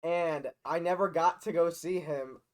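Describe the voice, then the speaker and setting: A man's voice: fairly high pitch, unhurried. A young man, a podcast guest, telling a long rambling story in casual chat. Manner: rambling storytelling, loud when laughing.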